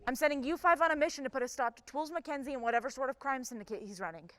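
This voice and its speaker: A woman playing a vain, lazy female chief of a cop federation, commanding and brisk in a live stage comedy. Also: sits high, fairly bright tone. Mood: bossy. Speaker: stage actor. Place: theatre stage. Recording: long reverb of a theatre stage.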